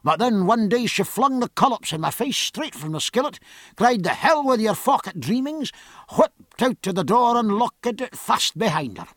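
A tipsy, garrulous Scottish ship's surgeon's mate who rolls his R's and leans into a thick brogue, as a male narrator puts him on. His voice sits high and swoops with lively pitch, carrying a slight huskiness, recorded close and dry. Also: moderate pace, dry recording, full character voice. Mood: dreamy rambling. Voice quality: broad brogue with rolling R's, loquacious.

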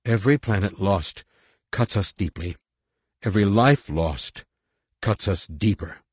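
A man's voice: sits low, lively intonation, a little mellow, husky, no echo, studio quality. A man voicing a composed woman diplomat, a princess who speaks firmly and carefully. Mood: resolute. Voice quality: measured, firm.

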